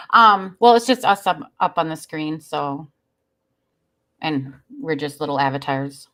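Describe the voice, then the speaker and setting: This is a woman hosting a relaxed live stream. She chats easily, laughs a lot, and greets her viewers by name as they come in. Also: sits low, takes it slowly. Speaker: livestream host. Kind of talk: casual live-stream chat.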